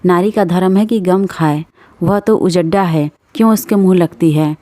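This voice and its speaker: A woman's voice: lowish voice, moderate pace, dark tone, no echo, lightly acted. A woman voicing a moralizing village priest who admonishes a quarrelling wife. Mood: reproachful.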